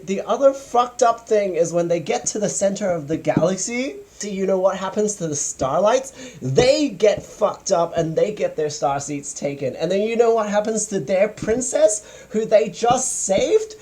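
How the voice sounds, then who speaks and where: A woman's voice: medium pitch, lively intonation, normal speed, darkish tone. A young woman in an escalating comedy rant, casually retelling a story with exasperated, dramatic emphasis and plenty of swearing and slang. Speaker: fan commentator.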